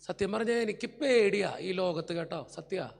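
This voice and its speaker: A man's voice: high voice, fairly quick, creaky, in a large hall. A male priest giving an emotional sermon full of personal stories, speaking earnestly and pleading straight with his congregation.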